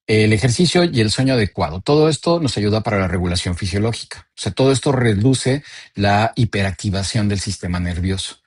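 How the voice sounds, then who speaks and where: A Mexican man in his forties giving a calm, explanatory talk about emotions and sharing personal anecdotes. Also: low-pitched, husky, no echo, studio quality. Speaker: speaker.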